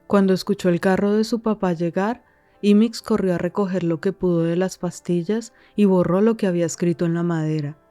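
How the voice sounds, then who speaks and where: Low, mellow female narrator. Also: steady tone, brisk, dry recording, soft background music. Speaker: podcast narrator. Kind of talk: scripted narration.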